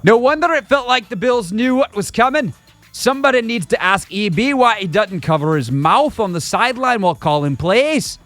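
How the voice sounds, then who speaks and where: A lilting, put-on Scottish voice reads out a silly sports take, as a man hams it up. The voice sits fairly high, over faint background music. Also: animated, normal speed, a bit bright. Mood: mock-serious. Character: comment writer put on in a Scottish accent.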